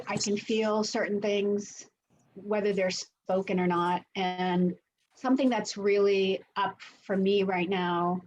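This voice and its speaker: A woman's voice: mid-range voice, a little mellow, highs cut off, a little hiss or hum. A woman with a Boston accent hosting an online coaching talk, reflective and searching for her words. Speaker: host and coach. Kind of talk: online lunch-and-learn talk.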